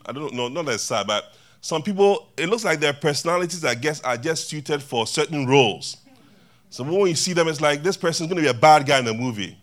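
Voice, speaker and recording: A man's voice: medium pitch, a bit bright. A man preaching a sermon to a church congregation in a loose, conversational way, joking and chatting with the people in the pews. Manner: conversational, laughing, banters with congregation.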